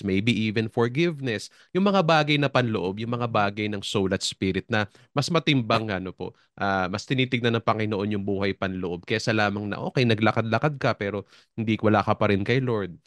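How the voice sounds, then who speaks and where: Low-voiced pastor hosting radio. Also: male voice, normal speed, fairly bright tone, no echo. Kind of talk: radio talk on faith.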